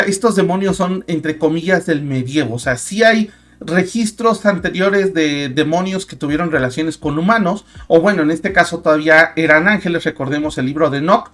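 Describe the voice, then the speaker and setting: A man's voice: a little high, fairly bright tone. A young man with a Mexican Spanish accent hosting a casual talk show, chatty and full of fillers and restarts. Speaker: host.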